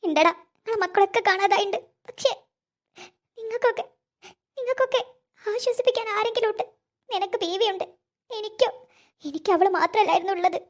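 A performer doing a lonely old cartoon grandmother, in a strikingly high, thin voice. She laments in a sorrowful, tearful way. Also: brisk, long pauses. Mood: grieving. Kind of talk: cartoon voice acting.

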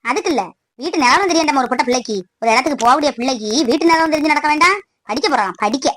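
A woman's voice: high-pitched, racing, fairly bright tone. A woman playing a scolding village mother. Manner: scolding, complaining.

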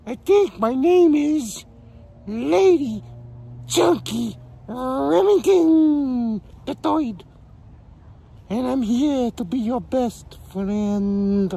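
A performer voicing a friendly, excitable female lion with a high, sing-song delivery. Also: very slow, vocal fry, husky, exaggerated voice. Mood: excited.

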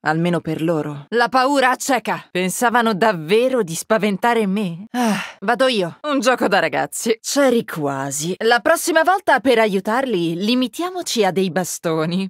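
A woman's voice: mid-range voice, dry recording. An actress voicing a menacing young woman agent in a video game, with cold, taunting, clipped callouts, recorded dry on a close studio mic. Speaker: voice actress dubbing a game character. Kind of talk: game voice lines.

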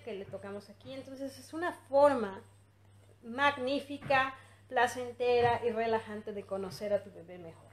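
A woman with a high voice calmly walks through baby massage moves, pausing on fillers and restarting her phrases. Her voice rings a little in an echoey indoor room. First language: English-teaching background, usually teaches in English. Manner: gentle, explanatory, with many fillers and restarts. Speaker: infant massage instructor. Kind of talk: demonstration tutorial.

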